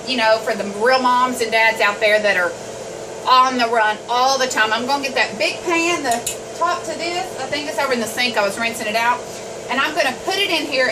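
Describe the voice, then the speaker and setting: A woman chatting homily to viewers while she cooks in her kitchen. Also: high voice. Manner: chatty, homespun, talks to viewers while cooking. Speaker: home cooking vlogger. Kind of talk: casual cooking chat. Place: home kitchen. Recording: home kitchen, mic at a distance, cooking noise. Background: chopping, sizzling pans and dishes.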